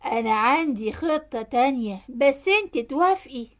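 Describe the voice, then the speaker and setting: A woman voicing a sly, scheming young male driver, calm and persuasive with an Egyptian Arabic accent. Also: high-pitched, moderate pace.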